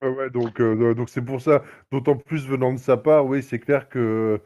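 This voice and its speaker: Man with a warm, mellow voice. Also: mid-range voice, fairly even intonation, normal speed. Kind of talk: casual discussion.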